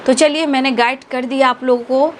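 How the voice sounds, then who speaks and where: A woman's voice: high voice, fairly even intonation, brisk, slight background noise. A woman tarot reader, giving spiritual guidance to her viewers in an earnest, affectionate, preachy way.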